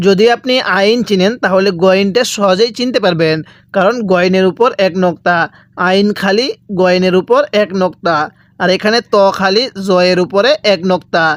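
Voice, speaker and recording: A man's voice: high-pitched, normal speed, dry recording, clean studio sound. A man teaching how to pronounce Arabic letters, patiently repeating each one and asking the viewer to say it back. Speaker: Quran reading teacher. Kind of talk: step-by-step recitation lesson.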